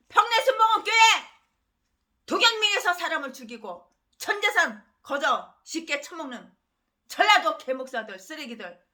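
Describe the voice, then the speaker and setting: A woman pastor delivering a fiery, ranting sermon that swings between loud bursts and low, trailing drops.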